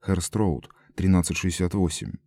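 A man voicing a frightened shopkeeper who shouts in panic and then speaks wearily, in an audiobook. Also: deep voice, moderate pace, no room sound. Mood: weary. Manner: frantic shouting, then weary.

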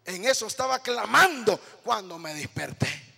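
A man preaching a sermon as a pastor, pleading and impassioned, at times swelling to shouts. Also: sits high, lively intonation, normal speed, gravelly, breathy edge, soft background music. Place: church sanctuary. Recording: long church hall reverb.

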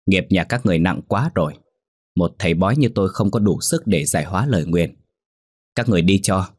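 A stern old fortune teller, curt and firm, waving people off with forceful commands, as a man voices him. The voice is deep and husky, with a dry, close sound. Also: fairly quick, no echo.

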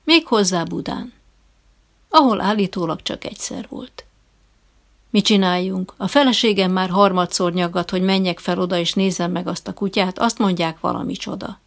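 A woman's voice: on the low side, creaky. A woman reading a humorous short story as an audiobook narrator, with a dry, wry delivery. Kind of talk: scripted narration.

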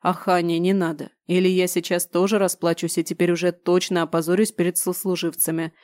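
A woman narrating an audiobook reads the part of a devoted, guilt-stricken young space general gently pleading with his wife in a tender mood. His voice comes out low, mellow, natural and level, at a brisk pace, recorded close and dry with no echo.

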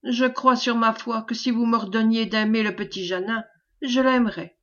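A woman reading the lines of a servile, scheming man who flatters in a caressing, obsequious tone, in a storybook reading. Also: on the high side, moderate pace, muffled recording. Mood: fawning. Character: fawning, sly male schemer, servile and unctuous.

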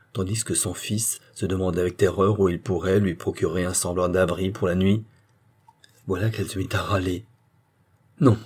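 A man giving a measured, expressive dramatic reading of a short story as narrator. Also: low voice, husky.

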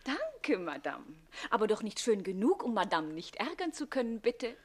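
A pert young chambermaid. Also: female voice, on the high side, sing-song, moderate pace. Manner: pert, scolding and teasing. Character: quick-witted young chambermaid bride. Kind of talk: classic radio play acting.

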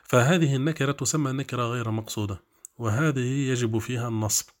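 A man teaching Arabic grammar in a classroom lesson, explaining step by step with drawn-out fillers and frequent checks that listeners follow. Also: medium pitch, fairly even intonation.

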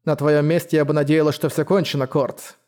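Male reader as a steely woman steward, icy and stern, warm mellow tone. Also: fairly high pitch, level tone, a little fast, lightly acted. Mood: cold quiet. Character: cold commanding woman, steward of her estate.

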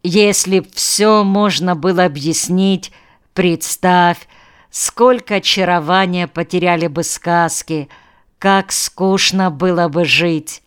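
A woman's voice: lowish voice, takes it slowly, clean tone. A woman reading a cheerful talkative man. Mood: delighted. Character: cheerful male drinking companion, dreamy and talkative.

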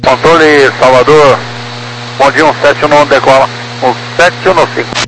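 A man's voice: mid-range voice, fairly even intonation, unhurried, a bit bright. A Brazilian man speaking as a pilot on air traffic control radio, giving brief readbacks and calls. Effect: aviation radio. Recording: humming, slightly noisy cockpit radio.

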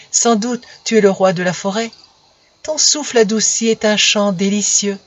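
A woman voicing a gentle, fragile female rose in a storybook reading, soft and pleading, in a dull lo-fi recording. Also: medium pitch, moderate pace, no room sound, natural voice. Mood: tender pleading.

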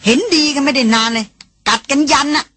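A woman's voice: sits high, fast, sharp tone, pitched above the performer's own voice. Woman doing a grumbling young man.

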